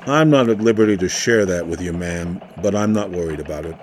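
A guarded, curt elf agent with a low voice, played by a man. He answers in short, formal phrases, with a faint hiss of noise behind him. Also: fairly quick, a little mellow, close to an everyday voice. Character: terse male elf security agent, guarded.

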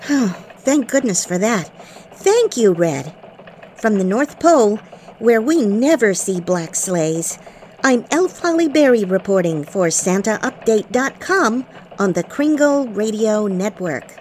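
A cheerful elf news anchor, voiced by a woman, reads a mock radio newscast. Her newsreader delivery rises and falls widely in pitch. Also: very animated, a little slow, a little mellow, a little hiss or hum.

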